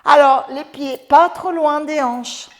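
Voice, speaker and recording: A woman's voice: high-pitched, steady tone, takes it slowly, long reverb tail. A woman with an Italian accent leading a Pilates class, giving breathing cues and joking with her viewers. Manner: chatty, joking, encouraging cues. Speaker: Pilates instructor. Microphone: lapel mic in clothing.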